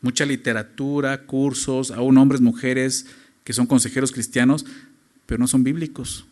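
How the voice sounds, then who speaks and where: Emphatic pastor preaching. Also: male voice, steady tone, normal speed. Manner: emphatic, with rhetorical questions to the congregation; swings from loud high emphasis to low quiet phrases. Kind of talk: sermon.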